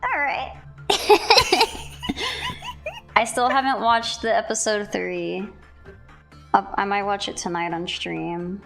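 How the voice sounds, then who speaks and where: Young woman, fellow art streamer, headset mic, slow and gravelly, easygoing chat. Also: mid-range voice, fairly even intonation, a bit bright, soft background music. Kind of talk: casual chat while drawing on a livestream. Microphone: livestream headset mic.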